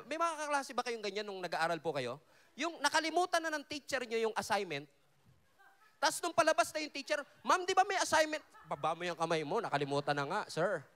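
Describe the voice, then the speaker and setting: Animated high-voiced preacher man. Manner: animated preaching, drops low and soft for quoted lines, jokes with the crowd. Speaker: pastor. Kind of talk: Taglish sermon at a worship festival. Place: large hall at a worship event.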